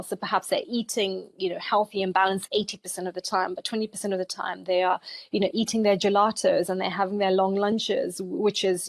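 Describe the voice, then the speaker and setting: A woman's voice: mid-range voice, vocal fry, no echo. Woman in her 40s from zambia, dietitian guest on a podcast, easygoing chat full of "you know". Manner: conversational, frequent "you know" fillers. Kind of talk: podcast interview.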